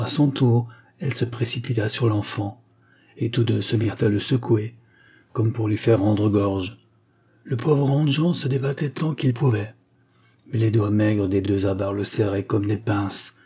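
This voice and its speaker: Mellow-voiced man reading a story. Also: fairly low pitch, breathy edge. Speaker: audiobook reader. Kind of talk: scripted narration of a short story.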